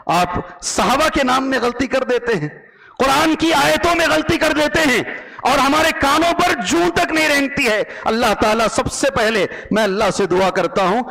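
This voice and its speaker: Brief: middle-aged male preacher, very high and bright voice, questions the crowd and swings between low and loud. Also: rough recording. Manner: lively, asks the audience questions and answers himself; often drops into a lower voice then rises again. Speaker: Islamic preacher. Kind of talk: sermon to a live audience.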